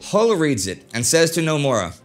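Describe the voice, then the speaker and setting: A man in his thirties hosts a history documentary from a studio desk. He tells the story in a measured way with occasional direct asides, his voice sitting somewhat high. Soft music plays underneath. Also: sing-song. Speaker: host. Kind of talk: scripted documentary narration. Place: indoor studio set with a desk.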